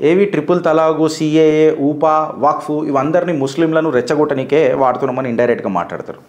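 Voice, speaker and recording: A man's voice: a little high, a little fast, reverberant, dull audio. A man giving combative political commentary, firing rhetorical questions straight at the person he criticizes.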